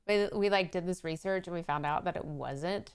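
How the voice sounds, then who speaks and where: A woman co-hosting a casual livestream chat, playful and quick with asides. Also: lowish voice, smooth. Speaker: co-host.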